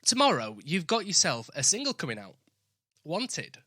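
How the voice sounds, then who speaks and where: A man's voice: fairly high pitch, huge pitch swings, normal speed, pushed and bright, no echo, studio quality. A man hosting a casual podcast interview. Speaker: podcast host.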